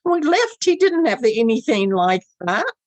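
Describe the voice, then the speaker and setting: A woman's voice: on the high side, big pitch swings, moderate pace, dry recording. A woman storyteller voicing curious young brothers, questioning and wondering, in a traditional story. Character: group of curious, puzzled young men, brothers.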